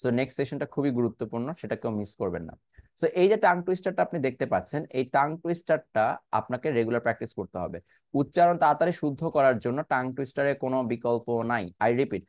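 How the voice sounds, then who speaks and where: A man's voice: mid-range voice, a little mellow, no room sound. Bangladeshi man teaching pronunciation, dry sound. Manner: repeats words slowly, stretching sounds to demonstrate; asks checking questions, mixes English into his talk. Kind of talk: online pronunciation lesson.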